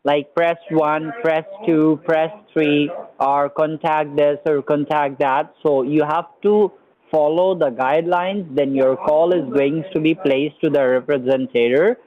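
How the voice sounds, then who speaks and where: A man's voice: on the high side, steady tone, measured pace. Man on a bad phone connection. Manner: instructive, repeatedly checks if the listener is there. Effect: bad phone connection that cuts out. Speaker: phone caller giving instructions. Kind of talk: phone call. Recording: tinny phone line.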